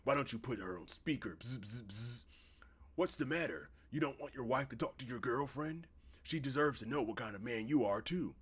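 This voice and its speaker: Guy reading as a hurt, bitter wife, pitch climbing and swinging a lot. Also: animated, brisk, fairly bright tone, breathy edge. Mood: furious. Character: betrayed wife, bitter and heartbroken.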